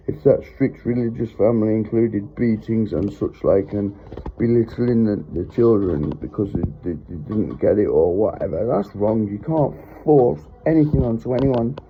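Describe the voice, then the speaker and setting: The recording, tinny like a phone line with a little hiss or hum, captures a middle-aged religious vlogger preaching earnestly into his phone. His medium-pitched monologue rambles, comes from the heart, and stops often for apologies.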